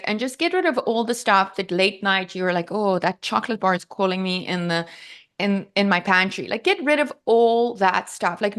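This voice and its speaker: A woman's voice: a little high, fairly bright tone. A woman guest in an interview, talking in a bubbly, earnest way with lots of fillers. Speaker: guest, health advocate. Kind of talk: casual interview.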